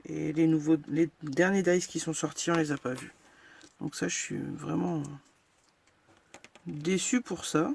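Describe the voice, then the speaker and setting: A woman's voice: sits low, measured pace, vocal fry, pauses often, a little mellow, breathy edge. A woman hosting a casual crafting tutorial, chatting frankly and narrating each step as she works, with lots of fillers. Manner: self-deprecating and frank.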